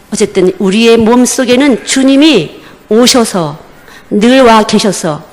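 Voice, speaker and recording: Woman preaching in a reverberant church. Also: mid-range voice. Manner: emphatic, repeats short phrases. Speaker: missionary preacher. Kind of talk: sermon. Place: church during a Wednesday service.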